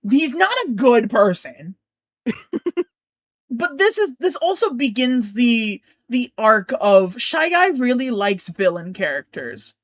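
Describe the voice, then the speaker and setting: A woman hosting a relaxed stream, her pitch bouncing widely as she rambles through her opinions. She giggles often and swears without a filter. The sound is dry and close. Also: slow pace, no echo. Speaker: streamer host. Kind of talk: casual chat, ranking characters.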